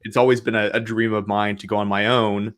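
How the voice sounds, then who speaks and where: A man's voice: fairly low pitch, little pitch movement, fairly quick, a bit bright. A man from Oklahoma, a guest on an interview show, answering in an easygoing way and laughing along. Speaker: guest, marketing consultant.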